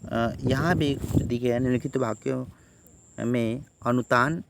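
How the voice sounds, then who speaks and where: A man's voice: mid-range voice, measured pace, creaky, background noise. A man tutoring students through an exam textbook unit. He keeps saying "theek hai" as a tic and acts out the example lines. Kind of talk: exam-prep lesson walkthrough.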